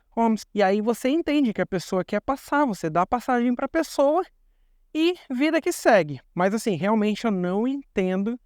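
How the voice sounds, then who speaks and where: Smooth-voiced Brazilian man vlogging. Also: high-pitched, dry recording, studio quality. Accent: Brazilian Portuguese. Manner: chatty, repeats words for emphasis. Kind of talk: casual explanatory vlog.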